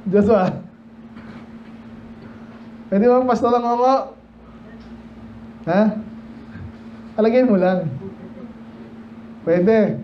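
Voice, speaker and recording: Speaking from a high-sitting register, a pastor from the Philippines leads a midweek sermon and Bible study, digressing freely and questioning his congregation. His Tagalog remarks give way to slowed-down King James readings. The church recording sounds dull and lo-fi, with a faint hiss of noise.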